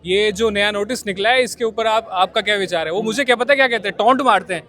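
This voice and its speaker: Bright high-voiced aggrieved young protester man. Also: quick pace. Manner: aggrieved, recounting with quoted taunts. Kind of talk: street interview. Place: outdoor street protest.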